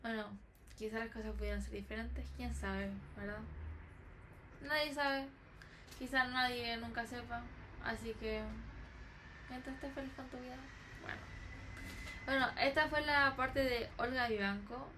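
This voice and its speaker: A woman's voice: on the high side, a little slow, bright, forceful tone, slight background noise. A young woman hosting a family podcast, chatting casually and musing in a hesitant way. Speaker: podcast host, grandchild. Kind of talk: casual chat.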